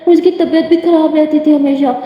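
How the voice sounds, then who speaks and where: A woman's voice: high voice, fairly even intonation, pitched above the performer's own voice, lightly acted. A woman voicing a small, timid orphan girl who talks in a childlike way and stammers, as part of a told story. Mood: timid, earnest. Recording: echoey room, dull lo-fi sound.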